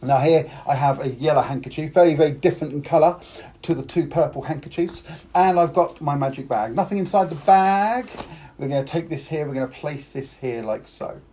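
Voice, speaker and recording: A man's voice: a little high, fairly quick, mellow. A British man performing as a children's party magician on a live stream, talking boys and girls through tricks and coaxing them to join in. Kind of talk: live-streamed kids' magic show patter.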